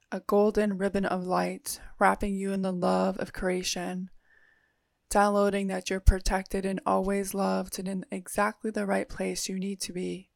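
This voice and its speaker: A woman guides a meditation in a soothing, unhurried way, leaving long pauses between phrases. Her voice stays level and has a gravelly fry in it. The recording is close and dry. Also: medium pitch, no room sound.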